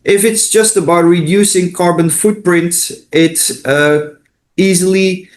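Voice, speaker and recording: A man's voice: sits high, steady tone, takes it slowly, slight background noise. A middle-aged man from Belgium giving hesitant, unscripted interview answers over a video call, with many fillers and restarts. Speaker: interview guest, consultant.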